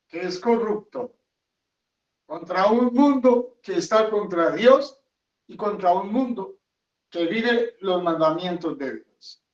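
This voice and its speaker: A man, a friar, preaching a homily with an emphatic, repetitive cadence and rhetorical questions, recorded in a chapel. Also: high-pitched. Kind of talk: sermon. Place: chapel of a hermitage. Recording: echoey, dull sound from a distant mic.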